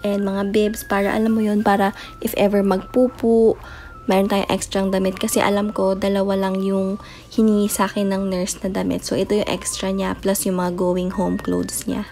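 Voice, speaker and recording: Her medium-pitched voice is completely flat, at normal speed, with slight background noise and faint music under the voice-over. She's a young mom vlogger chatting softly, as if late at night, about baby items and mixing in English words.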